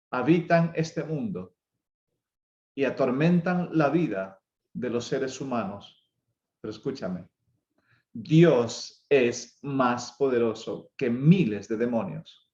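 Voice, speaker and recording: A male pastor preaching an evangelistic sermon with passion, his voice rising and falling dramatically between phrases. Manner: impassioned preaching with dramatic swings of pitch and loudness. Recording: roomy, slightly dull church recording.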